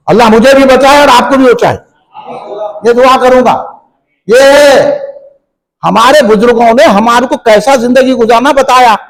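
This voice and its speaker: A man preaching, his voice pitched very high for a man. He delivers an impassioned sermon, firing questions at the crowd and climbing into shouts. It sounds like a religious gathering in a function hall. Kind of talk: fiery sermon.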